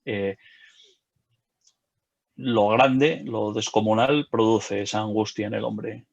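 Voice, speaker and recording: A man's voice: on the low side, steady tone, slow, muffled recording. A middle-aged man, talking casually in an interview, hesitant with many fillers and restarts. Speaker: game designer and illustrator.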